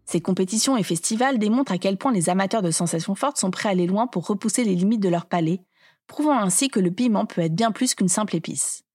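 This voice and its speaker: A woman reading scripted documentary narration in a measured, explanatory way. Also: medium pitch, a little mellow, breathy edge, faint music behind.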